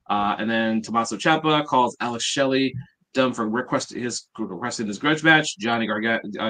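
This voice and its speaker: A man's voice: lowish voice, a bit bright. A man hosting a podcast, recapping events in a rambling, casual way full of "uh"s. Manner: rambling, filler-heavy, many "uh"s. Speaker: podcast host.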